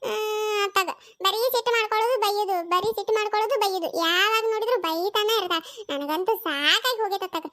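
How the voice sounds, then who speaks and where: A performer doing a squeaky cheeky village girl with a North Karnataka accent. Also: bright, forceful tone. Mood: teasing, squabbling. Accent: North Karnataka Kannada. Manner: rapid, teasing and quarrelsome. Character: cheeky sharp-tongued young village woman. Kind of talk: cartoon comedy voice acting.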